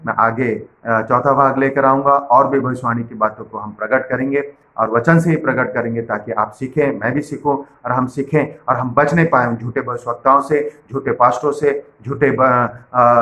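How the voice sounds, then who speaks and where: A pastor from India giving an earnest sermon and reading scripture verses aloud. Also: male voice, medium pitch, fairly bright tone, roomy sound, low-quality recording.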